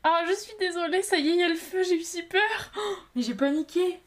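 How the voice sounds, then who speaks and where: A woman with a high voice chats to her viewers as she works at her pottery. She talks in a lively, excitable way and apologizes often. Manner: chatty, excitable, quick to apologize. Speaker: potter streaming live. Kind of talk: casual live-stream chat.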